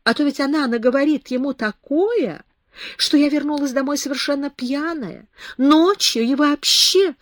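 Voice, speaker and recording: Brief: scared teen girl near tears, high pleading tone, read by a woman. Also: normal speed, no echo, clean studio sound, lightly acted. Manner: pleading, timid, on the verge of tears. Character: frightened tearful eighteen-year-old girl.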